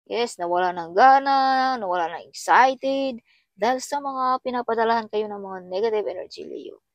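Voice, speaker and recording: A woman's voice: fairly high pitch, moderate pace, no echo, dull audio. A woman with a Filipino accent giving a tarot reading to viewers, switching between Filipino and English and addressing listeners by their star sign. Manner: mixes English into Filipino speech, repeats the sign name. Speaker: tarot reader.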